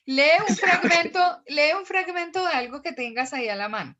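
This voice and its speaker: Woman teaching online; chatty, animated, high and bright. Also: brisk, highs cut off. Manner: chatty, animated, asks students questions. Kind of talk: online class lecture.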